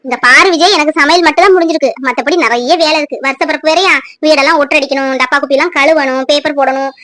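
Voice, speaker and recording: A high, sharp cartoon mother scolding at speed, as a woman acts her out. She nags and lectures without pause, her voice bright and tense. The sound is close and dry. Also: dry recording. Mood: busy, brisk. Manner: shrill, scolding, rapid-fire. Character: nagging middle-aged widowed mother, scolding. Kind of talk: cartoon voice acting.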